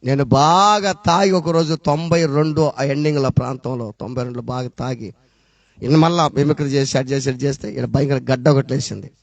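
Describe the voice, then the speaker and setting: A middle-aged man with a Rayalaseema accent preaching a testimony sermon, throwing out rhetorical questions and swinging between loud and low. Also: fairly even intonation, a little fast, gravelly, no echo. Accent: Rayalaseema Telugu. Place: church.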